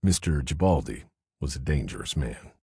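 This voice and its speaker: A man narrating a first-person mystery audiobook in a wry, deadpan manner. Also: a bass voice, moderate pace, husky, no room sound, studio quality.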